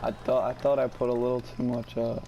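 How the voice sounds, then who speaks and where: A man giving casual, low-key gameplay commentary, muttering to himself as he plays. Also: little pitch movement, fairly quick, gravelly, muffled recording, a crowd in the background. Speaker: gamer playing a golf video game.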